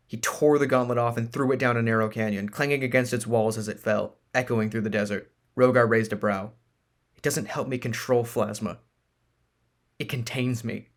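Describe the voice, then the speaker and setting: A man reads a science-fantasy novel aloud as the narrator, in a steady, plain voice at a middle pitch. His delivery is even and unhurried, like an audiobook chapter.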